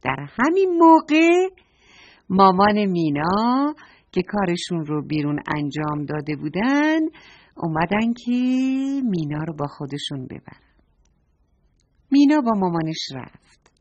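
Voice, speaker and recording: A woman storyteller reading a children's tale and speaking straight to the young listeners. Her delivery is warm and animated, with lively rises in tone. The voice sits fairly low for a woman, and the recording is dull and lo-fi. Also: long pauses.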